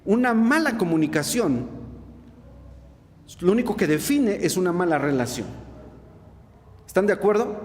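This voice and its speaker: A man's voice: high-pitched, darkish tone, long reverb tail. A man preaching a sermon to his congregation, asking them rhetorical questions. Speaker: pastor.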